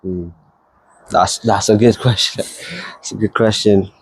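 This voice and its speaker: Being interviewed about his new role as a church digital creative, a young Yoruba-speaking man from Nigeria gives casual, earnest answers, eager and quick to laugh, often repeating himself. His lowish voice is steady and measured with a breathy edge, in a low-quality recording with no room sound.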